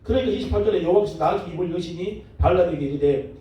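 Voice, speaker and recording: A man pastor teaching a Bible class, telling the story in a lively way, joking and acting out the people in it. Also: high voice, fast talker, slight background noise. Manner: lively storytelling, jokes, acts out quotes. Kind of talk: Bible lecture. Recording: very echoey room, mic far off.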